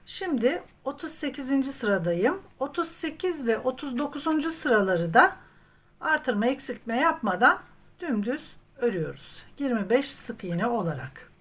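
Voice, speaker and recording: A woman hosts a step-by-step crochet tutorial, narrating as she works in a high, very animated, fairly bright voice at a moderate pace. She counts stitches aloud and speaks to viewers as friends. Background noise is clear, along with some room ambience.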